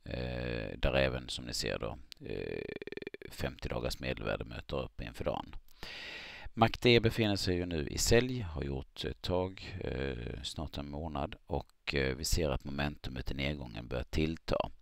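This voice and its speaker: A man walking through stock charts in a halting screen-recorded analysis, with many fillers as he thinks aloud. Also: rumbling low, creaky, dry recording. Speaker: market analyst.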